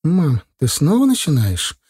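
A man's voice: on the high side, huge pitch swings, unhurried, darkish tone, husky, full character voice. A man voicing a young indignant wife. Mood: defensive. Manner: tense, indignant. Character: young woman, defensive, trusting wife.

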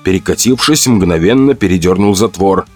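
A man giving expressive scripted narration of an audiobook. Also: deep voice, moderate pace, no room sound, soft background music.

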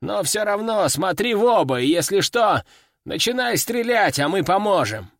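A man voicing a gruff, bossy male army veteran who barks orders and curses at his soldiers, in an audiobook. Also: sits high, big pitch swings, normal speed, a bit bright, no room sound, clean studio sound, voice pushed up, exaggerated voice. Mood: curt.

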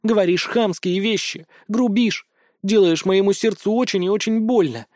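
A shrill, teary young woman spits out her revenge, as a male narrator puts her on. Her voice jumps high and squeaky, read close and dry for an audiobook. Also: moderate pace, a little mellow, no room sound, natural voice. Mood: scorned, vengeful. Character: tearful vengeful young woman, spurned lover.

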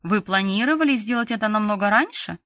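A woman's voice: mid-range voice, expressive, fast talker, fairly bright tone, no room sound, studio quality, natural voice. A woman reading an audiobook, voicing a stern, sarcastic female school director with a curt, grumbling manner.

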